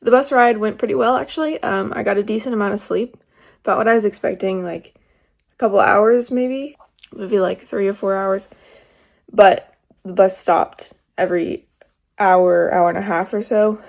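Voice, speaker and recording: Chatty young woman with a gravelly edge. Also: mid-range voice, steady tone, moderate pace. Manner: chatty, rambling, laughs now and then. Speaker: travel vlogger. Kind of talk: casual vlog narration. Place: indoors, small rented room. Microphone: phone camera.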